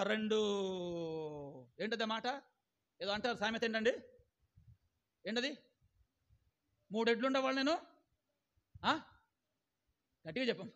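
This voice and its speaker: A man's voice: extremely high pitch, sharp tone. A male pastor preaching a sermon, often asking "ఏమండి?" and calling on the congregation to answer aloud.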